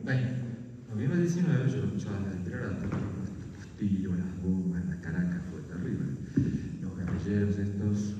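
A man's voice: deep voice, normal speed, muffled recording, heavy background noise. A man, a priest lecturing young people, impassioned and full of rhetorical questions. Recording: echoey hall from far off.

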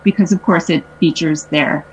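On a video call, a middle-aged cookbook author chats about recipes from her home kitchen in a conversational cooking demo, using lots of fillers. Her deep voice moves at a moderate pace, and the webcam audio is lo-fi with slight background noise.

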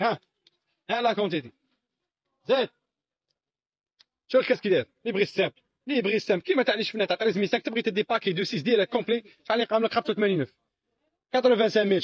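Rapid high-voiced Algerian salesman. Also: a bit bright, breathy edge. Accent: Algerian Arabic. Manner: repetitive, insistent pitching with frequent exclamations. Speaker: shop salesman. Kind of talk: product showcase sales patter. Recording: dull lo-fi recording.

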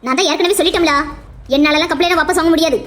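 A woman's voice: very high-pitched, rapid-fire. A woman doing a scheming, sneering young woman. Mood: defiant. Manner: cold, defiant, sneering. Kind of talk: Tamil cartoon voice acting.

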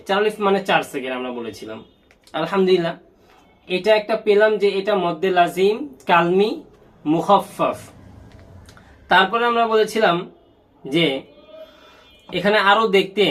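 In an online lesson, a man teaches the rules of Quran recitation, asking questions and answering them himself while chanting example words slowly. His voice is high-pitched and fairly bright.

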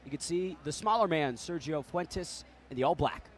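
A man's voice: fairly high pitch, animated, moderate pace, a little hiss or hum. A man doing live play-by-play commentary on a fight.

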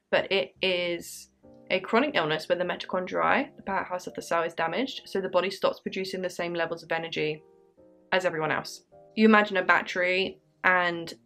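A woman's voice: on the low side, fairly bright tone. English girl in her mid twenties doing a q&a vlog, chatty and upbeat, bit of music under it. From England. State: dry throat. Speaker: YouTuber answering viewer questions. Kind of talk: casual Q&A vlog. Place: bedroom with candles.

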